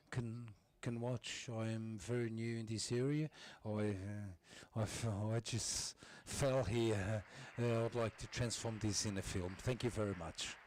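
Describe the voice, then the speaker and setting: Slow, halting man. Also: lowish voice, a little mellow, no echo. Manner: halting, stop-and-start delivery. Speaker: simultaneous interpreter. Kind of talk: live interpreting of ceremony speeches.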